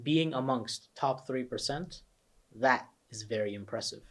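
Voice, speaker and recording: In an unhurried, fairly bright voice of medium pitch, a young American test prep coach guides students through his course. The promotional walkthrough comes across as earnest, persuasive, and emphatic.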